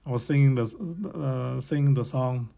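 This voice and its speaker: Gravelly-voiced man giving casual advice. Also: medium pitch, little pitch movement, moderate pace, warm tone. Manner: rambling, chuckling, loose phrasing. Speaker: channel host.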